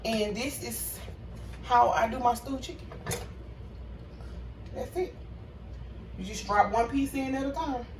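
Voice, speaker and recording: A woman's voice: fairly high pitch, a little slow, pauses often, a little hiss or hum. A woman hosting a casual cooking vlog in her home kitchen, chatting to viewers. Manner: chatty, talks to viewers as y'all. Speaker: cooking vlogger. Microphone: phone camera. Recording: echoey kitchen, phone mic at a distance.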